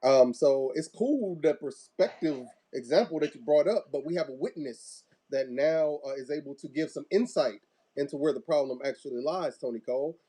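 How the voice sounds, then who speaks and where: A man hosting an online church talk show, chatting casually over a video call with relaxed, rambling talk and many fillers. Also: fairly high pitch, normal speed, breathy edge. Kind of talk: casual live-stream chat.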